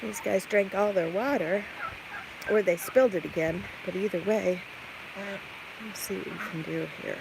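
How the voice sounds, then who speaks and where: Speaking at a normal speed in a mid-range voice with vocal fry and frequent pauses, a woman wanders a farmyard's barn and chicken coop during a chatty livestream. She thinks aloud to viewers and coos questions at the animals as she does chores, captured on a noisy handheld phone or camera amid clucking hens, a rooster and farm sounds.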